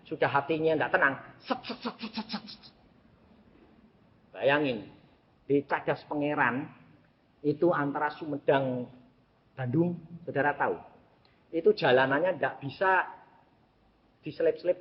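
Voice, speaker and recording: A man preaching a sermon, telling stories and swinging between shouts and hushed asides. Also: on the high side. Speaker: evangelist preacher. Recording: echoey hall, slightly dull, faint noise.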